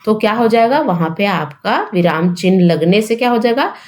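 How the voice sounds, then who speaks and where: A woman's voice: medium pitch, lively intonation, normal speed, a little mellow. A young woman teaching an exam-prep grammar lesson, explaining step by step and asking rhetorical questions.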